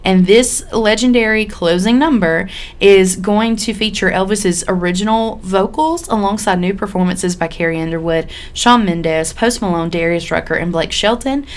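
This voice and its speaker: A woman's voice: mid-range voice, normal speed. A woman hosting a podcast in a casual, folksy, chatty way, sounding a little sick with a cold. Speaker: podcast host.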